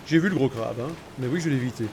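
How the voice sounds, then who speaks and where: A man's voice: medium pitch, fast, background noise. A man commenting casually on his own gameplay, sarcastic and joking, talking to himself and the enemies on screen. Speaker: gamer playing through a game. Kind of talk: casual let's-play commentary.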